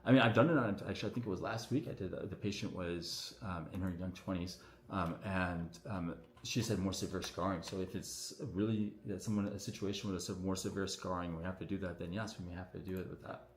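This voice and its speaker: A man, a doctor, answering viewer questions on a casual livestream in a relaxed, chatty way full of fillers, his voice echoing around the room. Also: deep voice, fast talker. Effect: echoing room sound on the stream. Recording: echoey room audio on a livestream.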